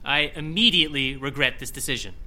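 A man's voice: mid-range voice, fairly quick, pushed and bright. A man voicing an earnest young IT technician with a dry, exasperated manner.

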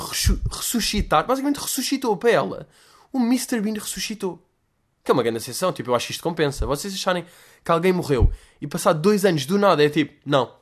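A young adult man with a European Portuguese accent hosts a podcast, telling stories in a casual monologue. He's slangy and animated, getting louder when excited, and his voice sits high.

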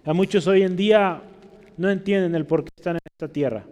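A man's voice: high-pitched, brisk, a little mellow, in a large hall. A man preaching a sermon as a pastor, teaching steadily and often checking in with his listeners with tag questions.

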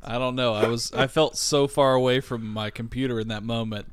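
A man's voice: medium pitch, steady tone, fairly quick, smooth, dry recording. A man co-hosting a podcast in casual chat, dry and self-deprecating, with a groggy morning voice. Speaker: podcast co-host.

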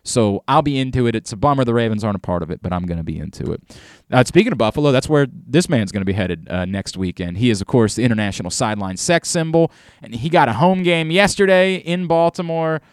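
A man's voice: mid-range voice, expressive, quick pace, smooth, no echo, studio quality. A man hosting sports radio in a casual, rambling way, repeating words as he thinks aloud. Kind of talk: casual, conversational sports talk. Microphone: close studio microphone.

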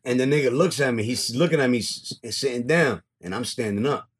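A man's voice: medium pitch, a little fast, breathy edge. A man telling a street story in casual podcast chat, acting out both sides and laughing as he goes. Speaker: podcast host.

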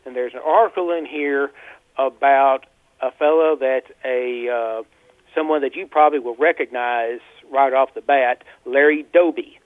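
A male caller on a radio talk show, talking over a landline phone in a rambling, halting way with lots of fillers. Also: medium pitch, no room sound. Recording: tinny landline phone line.

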